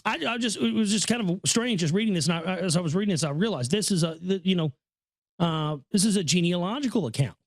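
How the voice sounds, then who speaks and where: At a quick pace and in an animated voice that sits high, a man reads a book aloud and comments on it casually. He rambles and stammers, repeating phrases in earnest awe. The recording is dry.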